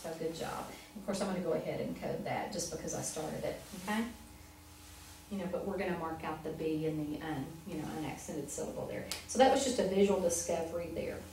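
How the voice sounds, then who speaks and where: A woman's voice: deep voice, brisk. A woman teaching a one-on-one phonics lesson, patient and encouraging, asking guiding questions. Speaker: reading teacher. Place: classroom. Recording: echoey room, distant mic, loud AC hum. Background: air conditioner hum.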